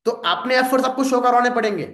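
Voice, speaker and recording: A man's voice: very high voice, quick pace, fairly bright tone, reverberant. A man mentoring a sales team in an informal coaching talk, direct and lecturing, often acting out sample phone calls.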